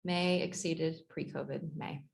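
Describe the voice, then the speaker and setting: A young woman with a lowish, gravelly voice gives a chatty work update on a video call. She talks casually and fills gaps with ums. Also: fairly even intonation, unhurried. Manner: chatty, laughing often, many fillers. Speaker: transit agency staff.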